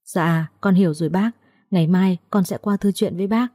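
A woman's voice: lowish voice, brisk, dark tone, dry recording, clean studio sound, natural voice. A woman voicing a polite, respectful young man who speaks courteously.

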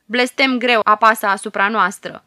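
A woman reads as an old prophet crying out a curse, loud and solemn, his lament ringing bright and sharp. The sound is dry and close, like a storybook recording. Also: fairly high pitch, steady tone, dry recording. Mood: lamenting doom. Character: old male prophet, wailing doom.

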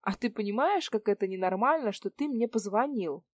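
Lady reading a cool stubborn young woman, flat-calm answers, dry sound. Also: medium pitch, brisk, no echo, close to an everyday voice. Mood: cool, firm.

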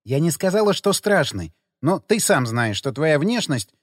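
Man doing a calm sharp girl, reasoning things out, bouncy tone. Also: a little high, unhurried, dry recording, studio quality, in a large hall. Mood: cool. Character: sharp-tongued young woman, level-headed.

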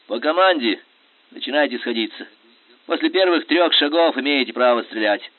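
A man voicing a duel second who gives crisp, official instructions. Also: medium pitch, expressive, normal speed, no room sound, voice pushed up, lightly acted. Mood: formal. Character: formal male duel second. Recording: tinny phone-like sound.

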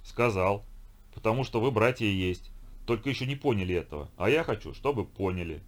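A man's voice: on the low side, animated, fairly quick, lightly acted. A man reading an audiobook voices a harsh, unyielding middle-aged stepfather who barks orders. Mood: cold. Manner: commanding, barking orders.

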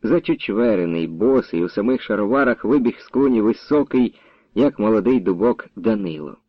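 A man's voice: lowish voice, no room sound. Man narrating a village story. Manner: measured, expressive reading. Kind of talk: audiobook narration. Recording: dull, dry recording.

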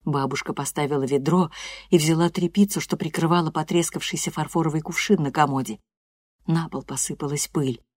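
Husky woman reading an audiobook. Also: sits low, steady tone, fairly quick, a little mellow, no room sound, clean studio sound. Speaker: audiobook narrator. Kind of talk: scripted narration.

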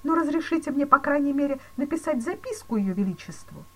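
A terrified male banker , as a woman reader puts him on, pleads in shrill, panicky bursts. His pitch sits high and leaps all over the place. It is a storybook scene read aloud. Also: lively intonation, brisk, darkish tone, rough recording. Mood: panicked.

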